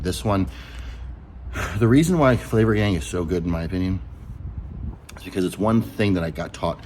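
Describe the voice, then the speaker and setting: A man's voice: low-pitched, darkish tone, a little hiss or hum, low-quality recording. Blunt, profane man ranting casually. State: out of breath. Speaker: vlogger. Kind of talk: casual vlog rant.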